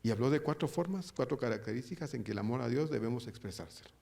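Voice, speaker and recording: A man's voice: mid-range voice, animated, fast talker, gravelly, darkish tone. A man preaching a sermon as pastor in a church, asking the congregation rhetorical questions and calling them brother. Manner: rhetorical questions with frequent tag questions; addresses listeners directly as brother.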